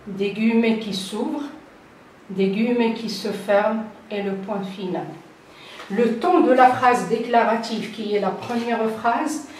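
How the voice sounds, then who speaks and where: An older woman, a French teacher, giving a slow grammar lesson and repeating key terms deliberately. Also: fairly high pitch, darkish tone, slight background noise. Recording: echoey room, voice from a distance.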